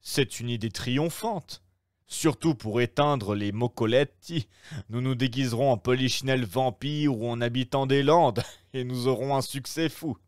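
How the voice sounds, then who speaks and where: A man doing a shrewd calm young gentleman. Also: medium pitch, no echo, studio quality, close to an everyday voice. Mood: measured. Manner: measured, persuasive.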